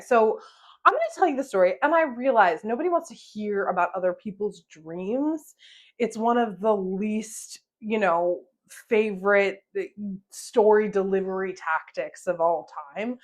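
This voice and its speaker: A woman's voice: medium pitch, a little mellow. A young woman hosting a podcast, telling a story in casual chat, swearing and laughing often. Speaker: podcast host.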